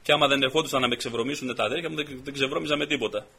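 A man preaching a testimony sermon to his congregation, fervent and building up into loud, repeated exhortations. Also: medium pitch, vocal fry, husky. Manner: peppers stories with repeated "I say".

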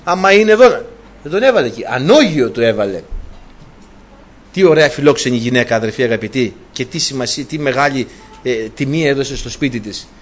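A man's voice: mid-range voice, expressive. A man preaching a sermon, retelling a story animatedly and asking his listeners rhetorical questions.

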